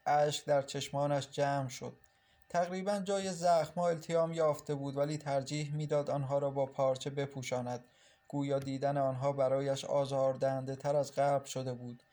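A man narrating an audiobook in a measured, sorrowful reading. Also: mid-range voice, little pitch movement, mellow.

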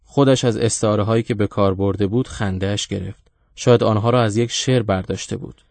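A man narrating a storybook in a steady, measured reading. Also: on the low side, gravelly, dry recording. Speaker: audiobook narrator.

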